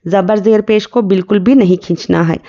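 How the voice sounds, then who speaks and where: A woman teaching Quran recitation rules, spelling out letters and vowel marks slowly and asking her students rhetorical questions. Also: mid-range voice, mellow, highs cut off. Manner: patient, drawn-out syllable-by-syllable drilling with rhetorical questions.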